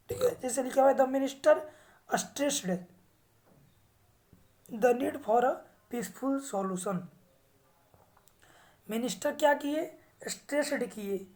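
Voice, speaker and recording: A woman teaching English vocabulary who reads English sentences slowly with an Indian accent and then explains them in Hindi. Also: high voice, a little mellow. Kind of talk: slow English vocabulary lesson.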